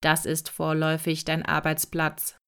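Ein geduldiger, watschelnder Fabrikroboter, den eine Frau spricht, mit tiefer gesetzter, ruhiger Stimme. Er erklärt sachlich und belehrend. Die Stimme klingt etwas gedämpft und gleichmäßig. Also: female voice, low-pitched, monotone, measured pace, fairly bright tone, smooth. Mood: instructive. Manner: patient, instructive. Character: calm waddling male factory robot.

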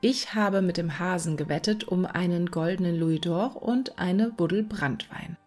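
A woman's voice: fairly low pitch, measured pace, darkish tone, faint music behind. A woman voicing a cocky male hedgehog who curtly orders his wife around. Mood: bossy. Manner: curt, commanding.

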